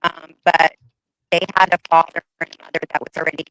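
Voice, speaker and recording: A woman's voice: sits low, flat delivery, fairly quick, fairly bright tone. A woman speaking as an interview guest over a video call, her microphone crackling and garbled so she sounds underwater. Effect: garbled crackling mic, sounds underwater. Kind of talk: remote video call chat. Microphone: failing call microphone.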